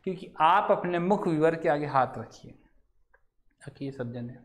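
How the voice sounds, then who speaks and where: A man's voice: fairly high pitch, lively intonation. Questioning male Hindi teacher, echoey room. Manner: asks the class questions and answers them himself, drawn-out key words. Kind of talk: classroom lecture.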